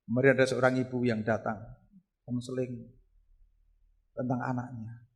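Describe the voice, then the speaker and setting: A middle-aged man preaching a sermon at a church service, swinging between loud fervent exclamations and quiet storytelling. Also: medium pitch, little pitch movement, moderate pace. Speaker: pastor.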